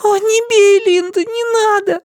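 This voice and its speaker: A little boy's voice, pitched far up and thin, pleading and tearful as he begs. It sounds set back from the mic, a small, scared child in an audiobook. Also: steady tone, unhurried, no room sound, studio quality. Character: small frightened crying boy.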